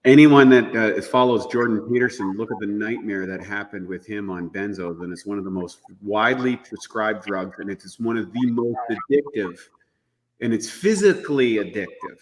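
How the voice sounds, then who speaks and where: A man's voice: on the low side, moderate pace, big-room sound. A man talking about supplements as a guest expert on a health show, earnest and explanatory. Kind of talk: casual health talk.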